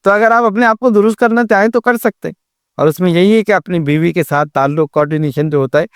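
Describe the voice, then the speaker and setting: A man's voice: high-pitched, smooth, no room sound, clean studio sound. A man as a religious scholar guest, patiently explaining good manners with everyday examples. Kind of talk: advice talk in a studio discussion.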